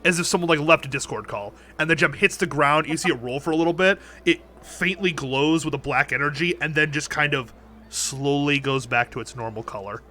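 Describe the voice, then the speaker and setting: A man narrating as dungeon master over a voice call, halting and restarting often. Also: on the high side, sharp tone, slight background noise. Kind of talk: running a tabletop game.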